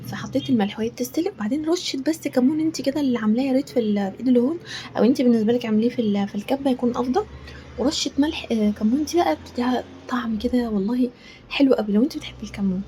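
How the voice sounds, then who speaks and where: A woman's voice: on the high side, racing, mellow, slight background noise. A woman with an Egyptian accent, cooking in her home kitchen and chatting in a rambling way with frequent pious asides. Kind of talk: casual chat while cooking.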